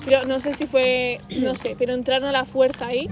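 A young woman, telling stories in lively casual podcast chat, full of slang fillers. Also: sits high, fairly quick, faint music behind. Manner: animated storytelling with slang fillers. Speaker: podcast co-host.

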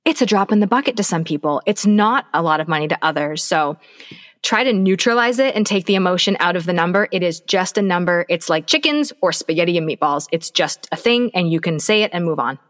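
A woman's voice: lowish voice, lively intonation, brisk. A woman co-hosting a business podcast, giving advice in an emphatic, coaching way and repeating her key points. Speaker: podcast co-host. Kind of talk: casual business podcast chat.

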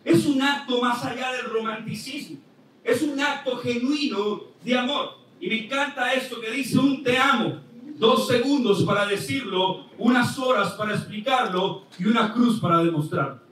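A man's voice: very high voice, moderate pace. A man preaching a sermon as pastor, mixing jokes into his preaching. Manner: joking, animated preaching. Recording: echoey hall, distant mic, faint noise.

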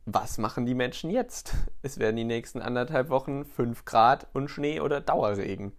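A young man co-hosting a podcast in casual banter, teasing and joking with his friend. He talks at an everyday middle pitch. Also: moderate pace. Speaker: podcast co-host. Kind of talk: casual chat.

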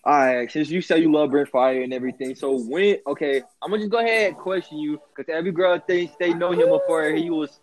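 A man's voice: fairly high pitch, fast talker, hardly any pauses. A man in his twenties hosting with casual, slangy interview banter. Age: 20s. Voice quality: slangy delivery. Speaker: host.

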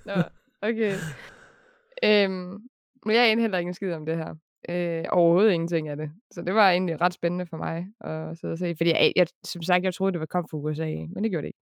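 A young woman hosting a casual podcast chat, chatty and quick to laugh, with casual swearing. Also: fairly low pitch, fairly even intonation, vocal fry, no echo, clean studio sound. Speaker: podcast host.

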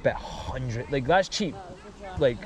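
A man's voice: mid-range voice, lively intonation, slow, darkish tone. A young Scottish man hosting a casual podcast chat, talking loosely and swearing, with bro and mate in nearly every sentence. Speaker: podcast host.

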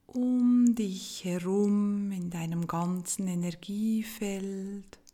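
A woman guiding a meditation in a soft, gentle, hushed and breathy voice, leaving long pauses between phrases. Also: medium pitch, steady tone. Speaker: meditation guide. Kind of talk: guided meditation narration.

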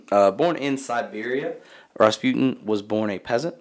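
A young man with an expressive, medium-pitched voice and measured pace co-hosts a casual podcast, presenting the topic. He reads from notes with many fillers and laughs easily.

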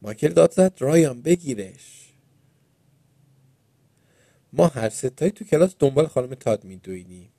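A man's voice: mid-range voice, creaky, no room sound. Man, storybook narrator, Persian accent, playful, dry close sound. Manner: lively first-person storytelling, playful. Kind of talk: storybook reading.

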